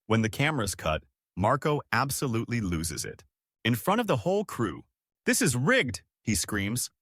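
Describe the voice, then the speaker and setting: A man narrating scripted stories in a lively storytelling manner, recorded close to the mic. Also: normal speed, dry recording. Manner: lively storytelling with big pitch swings.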